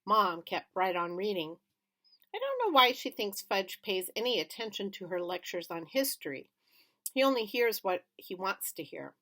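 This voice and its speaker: A woman reading a children's novel aloud in plain, steady first-person narration. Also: medium pitch, normal speed. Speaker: reader.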